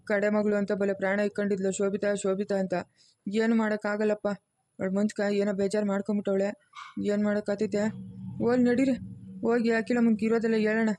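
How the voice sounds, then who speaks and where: A man's voice: high voice, darkish tone, no room sound. An older man with a rural Chikkaballapur Kannada accent, playing a worried grandfather who soothes his family. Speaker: grandfather in a village family drama. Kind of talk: village web-series acting.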